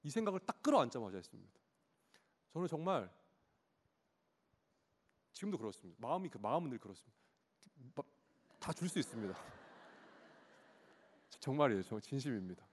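A man in his thirties preaching a sermon, telling a personal story about his child in an animated way and acting out the child's cries. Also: medium pitch, normal speed, long pauses. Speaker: pastor. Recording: long hall reverb.

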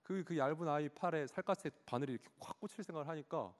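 A man in his thirties preaching a sermon, telling a personal story about his child in an animated way and acting out the child's cries. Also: on the high side, fast. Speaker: pastor. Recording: long hall reverb.

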